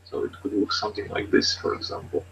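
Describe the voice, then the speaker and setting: A man talks at a quick pace in a slightly bright voice, co-hosting a casual tech podcast via an online video hangout with loose, repetitive phrasing. The recording is a dull, lo-fi online call with faint noise.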